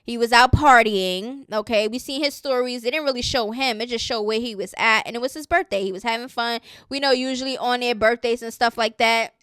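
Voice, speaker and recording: New woman hosting gossip commentary; high, smooth voice, dry close mic, chatty and opinionated. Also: brisk, hardly any pauses, fairly bright tone, no echo. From New York City. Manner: chatty, opinionated, keeps tagging "okay?". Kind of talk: casual celebrity gossip commentary.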